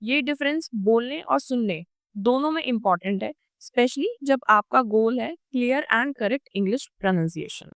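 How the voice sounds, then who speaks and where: A young Indian woman with an Indian accent explains step by step as an online tutor, patient and methodical. Her voice is smooth and a little high, recorded dry and close with no room sound. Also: expressive, slow pace, no echo. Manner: patient, explains step by step and drops her pitch on example words. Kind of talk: explanatory lecture.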